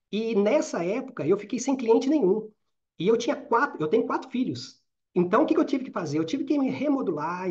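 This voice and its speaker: A middle-aged man from Brazil with a Minas Gerais accent, giving a live online training talk. He talks fast and keeps tagging his sentences with quick checks to the audience. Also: high voice, darkish tone. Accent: Minas Gerais Portuguese. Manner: talks fast, with frequent "né?" and "certo?" tags. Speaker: career and networking trainer. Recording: slightly dull lo-fi audio.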